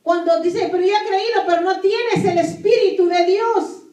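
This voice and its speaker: This native Spanish-speaking pastor delivers a sermon with scripture reading, pressing key phrases again and again and asking her listeners questions. Her voice is very high and warm, with fairly even intonation and a moderate pace. The room is echoey and the microphone sits far away.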